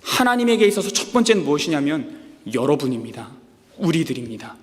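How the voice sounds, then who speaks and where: Male pastor, high voice, animated sermon delivery, voice ringing through a reverberant sanctuary. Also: brisk. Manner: animated preaching, acting out God's words with rising pitch. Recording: long hall reverb.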